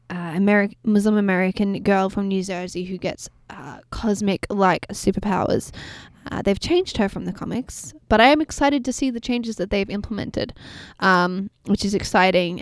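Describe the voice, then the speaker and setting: A woman co-hosting a film podcast, chatting casually and gushing excitedly, rambling with fillers and apologizing for ranting. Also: medium pitch, dry recording, studio quality. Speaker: podcast co-host.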